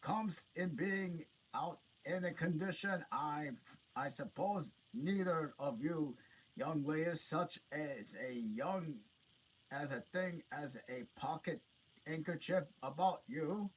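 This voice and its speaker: A man voicing a huge, clumsy, good-natured male giant with loud, rustic speech. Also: fairly high pitch, takes it slowly, breathy edge, voice pushed up, rough recording. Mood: booming.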